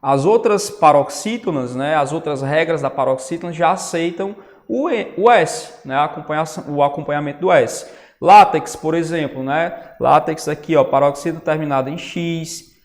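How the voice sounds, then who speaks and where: Male teacher in an online lecture, higher-pitched, in a reverberant space. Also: moderate pace. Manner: explanatory, says "né?" and "ó" often. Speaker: Portuguese teacher. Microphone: writing on a tablet while talking. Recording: long reverb.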